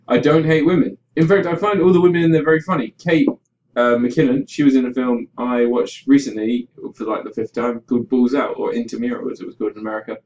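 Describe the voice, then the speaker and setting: A man's voice: mid-range voice, steady tone, fast talker, a little mellow. Opinionated male podcaster who rants casually and swears, captured muffled on a distant webcam mic. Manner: ranting, sweary, mimics others in mock quotes. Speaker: podcast host. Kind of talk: casual opinionated film chat. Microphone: webcam about five feet away.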